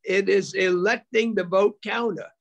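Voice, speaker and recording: A man's voice: sits high, steady tone, a little slow, creaky. An older man giving an impassioned speech at an event, full of repetition and rhetorical questions, heard over a video call. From United States. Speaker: speaker at a memorial event.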